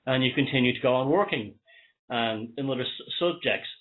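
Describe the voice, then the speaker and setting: A man's voice: medium pitch, brisk. Wheezy Irish man on a phone-like line. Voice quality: wheezy, short of breath. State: asthma flare-up. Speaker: talk show host. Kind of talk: rambling opinionated monologue. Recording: thin phone-like sound.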